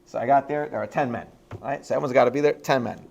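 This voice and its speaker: A rabbi telling a self-deprecating funny story to a school audience, animated and laughing as he goes. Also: mid-range voice, fast, gravelly. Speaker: rabbi giving a talk at a high school. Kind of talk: humorous personal storytelling.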